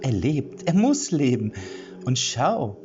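A man's voice: very animated, slow, lo-fi sound. A man voicing a cruel, gleeful female witch in a fairy-tale audiobook, taunting and theatrical. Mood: gloating glee. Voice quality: high, sing-song and cackling.

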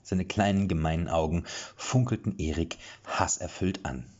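A man narrating an audiobook in an expressive, playful storytelling manner. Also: low-pitched, normal speed. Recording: dull lo-fi recording.

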